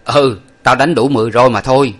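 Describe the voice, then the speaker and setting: A man's voice: mid-range voice, brisk, natural voice. A man voicing a stern young male master who scolds his servant. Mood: scolding.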